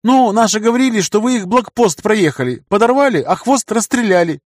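A man's voice: high voice, expressive, a little fast, no echo, clean studio sound, pitched above the performer's own voice. A man reading an audiobook, voicing a frightened teenage boy who begs with a trembling voice. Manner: trembling, pleading. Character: terrified teenage boy captive, pleading.

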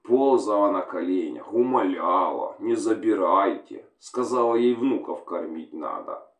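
A man's voice: sits low, expressive, measured pace. A spiteful grumbling young soldier, as a male reader puts him on. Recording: roomy, distant mic.

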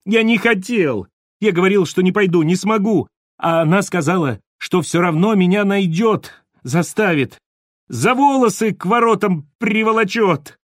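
A man voicing a terrified male drunk electrician who pleads, whimpers and breaks into hysterical shouts in an audiobook. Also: mid-range voice, animated, a little slow, dry recording, clean studio sound. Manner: pleading, tearful, near-hysterical.

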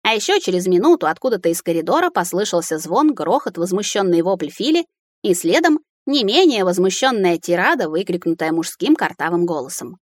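A woman narrating a first-person fantasy audiobook in a lively reading voice. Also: lowish voice, brisk, no echo, clean studio sound.

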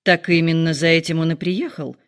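A woman voicing a calm, dryly ironic middle-aged husband in a storybook reading. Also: medium pitch, unhurried. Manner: dry, calm, mildly ironic.

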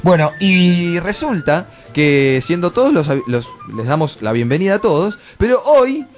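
High-voiced Argentine male radio host. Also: big pitch swings, unhurried, faint music behind. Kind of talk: informal live radio hosting.

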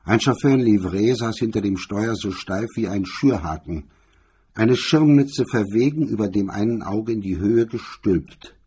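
This hardboiled crime tale is read by a man whose voice sits on the low side, husky and raspy with a warm tone. He narrates in a measured, literary storytelling manner.

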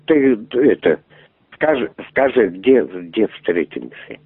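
A man's voice: on the low side, sing-song, slow pace, breathy edge, no room sound. A man making a crude prank phone call, pushy and rambling, swearing often as he keeps asking to meet. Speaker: prank caller. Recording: tinny phone line.

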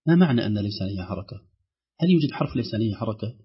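A man teaching Quran recitation rules on a call-in show, explaining each rule and then reciting the examples slowly and drawn out. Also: on the low side, animated, slightly rough. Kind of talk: tajweed lesson on a call-in show. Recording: dull lo-fi broadcast sound.

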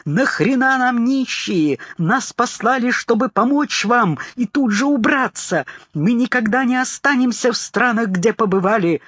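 A man voicing a panicky male commando leader who yells and turns shrill with fear, in an audiobook reading. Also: expressive, measured pace, no echo, studio quality, full character voice. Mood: shrieking. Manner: yelling, shrill when frightened.

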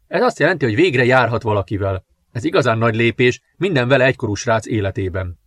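A man narrating a novel in a calm, measured reading. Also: medium pitch. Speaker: audiobook narrator. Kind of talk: scripted narration.

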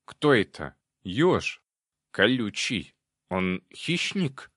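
A man voicing an excitable, demanding little male demon spirit in a storybook reading, loud and panicky. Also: lowish voice, drawn-out words, no room sound, studio quality, heavily acted. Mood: excited.

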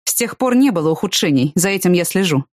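A woman reading the lines of a calm, protective young man in an audiobook, in a steady, reassuring way. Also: on the low side, fast talker, no room sound, clean studio sound, lightly acted.

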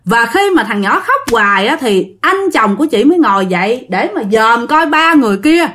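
A woman's voice: sing-song, normal speed. A woman with a Southern Vietnamese accent telling a ghost story in a casual, chatty way, often turning to her listeners, with dramatic rises and drops in her voice. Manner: dramatic swings in pitch and loudness.

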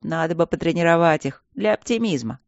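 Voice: mid-range voice, animated, fairly quick, vocal fry, dry recording, highs cut off. An audiobook reader voicing a stern, dry male intelligence chief who speaks curtly. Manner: dry, curt.

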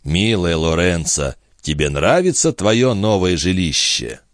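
A man voicing Balsamo, a proud, ambitious man who speaks in a measured, soothing way in an audiobook reading. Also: sits low, big pitch swings, dry recording, clean studio sound. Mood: calm. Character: ambitious man, calm, proud, tender but cool.

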